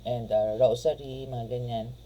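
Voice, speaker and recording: A man talks through a tarot reading in a loose, courteous, filler-laden way. His voice is mellow and dark, at a middle pitch. A faint hiss of noise sits under the recording. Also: little pitch movement, unhurried. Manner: polite and chatty, filler-heavy, uses respectful "po" often. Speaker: tarot reader and spiritual healer. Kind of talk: casual tarot reading with spoken prayer.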